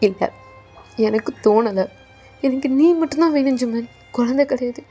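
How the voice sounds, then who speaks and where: A cold, curt young man in a fan audio drama, as a woman acts him out. The voice is fairly high, with a dark and mellow tone. Soft music plays behind him. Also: normal speed, husky. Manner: curt, blunt.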